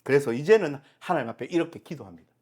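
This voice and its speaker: A man's voice: mid-range voice, lively intonation, quick pace, darkish tone, husky. A middle-aged male pastor preaching a Sunday sermon, asking the congregation rhetorical questions and answering them himself.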